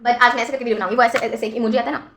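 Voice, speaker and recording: A woman's voice: a little high, steady tone, racing, fairly bright tone, a little hiss or hum. A young woman, chatting dramatically in a casual vlog, mixing Hindi and English. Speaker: vlogger.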